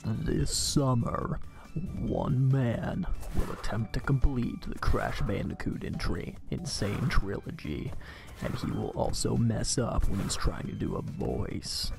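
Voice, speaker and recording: A man imitating a male movie-trailer announcer, slow and dramatic. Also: mid-range voice, sing-song, vocal fry, music in the background, heavily acted.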